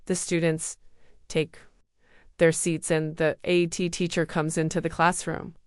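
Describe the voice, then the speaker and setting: A woman reading a storybook aloud for beginner English learners, slow, even and clearly spoken. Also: low-pitched, no room sound, studio quality. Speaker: storybook narrator.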